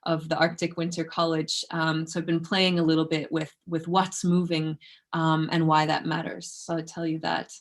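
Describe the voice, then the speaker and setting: A woman researcher gives an informal academic talk as an online presentation from an office indoors. Her voice is low, with a completely flat delivery at a moderate pace, and her manner is conversational and self-effacing.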